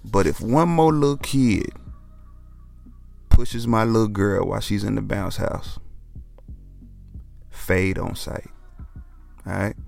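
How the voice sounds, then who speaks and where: Laid-back man with gravelly voice. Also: fairly low pitch, measured pace, a little mellow, faint music behind. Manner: laid-back, joking, says "man" a lot. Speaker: podcast host. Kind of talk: casual solo podcast talk.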